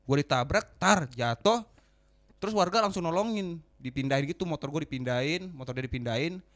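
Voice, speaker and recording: A young man from West Sumatra telling a road story in slangy, animated podcast chat. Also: a little high, a little fast. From West Sumatra, Indonesia. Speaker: comedian podcast guest.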